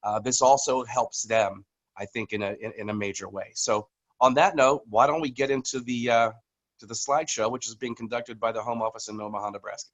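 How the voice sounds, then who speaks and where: A man's voice: medium pitch, fairly even intonation, fairly quick, fairly bright tone, rough recording. Rambling man on a video call. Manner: casual, rambling with many fillers and restarts. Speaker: company communications executive. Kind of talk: business update on a video call.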